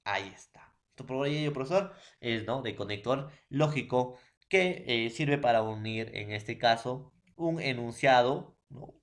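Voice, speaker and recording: A man's voice: mid-range voice, expressive. A male secondary school teacher with a Peruvian Spanish accent, giving an online class lecture, asking his students constant check-in questions and stressing key terms. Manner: repeats "profesor" and "¿ya, jóvenes?" as verbal tics; emphatic rises on key terms, drawn-out slow words.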